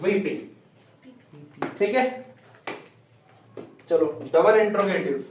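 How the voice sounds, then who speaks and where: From a distance in an echoey classroom, a male English grammar teacher with a high voice quizzes his students slowly and repeats their answers back in call-and-response fashion. There is a little hiss or hum on the recording.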